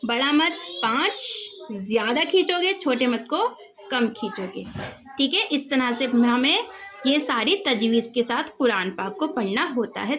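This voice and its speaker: High-voiced woman teaching Quran recitation. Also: fairly bright tone, dull audio, a little hiss or hum. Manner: patient, repeats examples slowly, drawn-out demonstrations. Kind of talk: tutorial on recitation rules.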